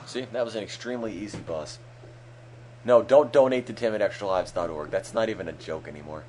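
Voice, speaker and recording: Low-voiced man, dry game commentary. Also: fairly quick, darkish tone, slight background noise, poor audio. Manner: dry, sarcastic, self-deprecating. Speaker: stream host and game player. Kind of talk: let's play commentary.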